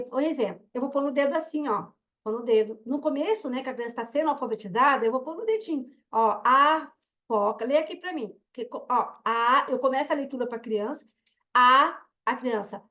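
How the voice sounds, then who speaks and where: High-pitched woman teacher, chatty and explanatory, muffled lo-fi audio. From Brazil. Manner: chatty, explains with asides and rhetorical questions. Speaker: teacher and reading therapist. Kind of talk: online course lecture.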